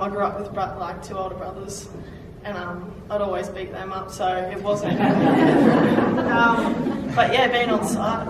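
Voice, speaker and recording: Australian woman tradie, even tone, distant noisy mic. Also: medium pitch. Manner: casual, plainspoken. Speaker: tradeswoman, panel member. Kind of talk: panel discussion. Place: large plain meeting room, seated at table. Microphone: distant room mic. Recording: echoey room from far off, noisy.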